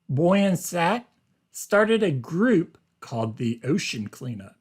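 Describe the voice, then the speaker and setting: Reading aloud like a teacher addressing a class, a man speaks very slowly and deliberately. He uses simple phrasing and short explanations, and his voice is fairly high-pitched for a man.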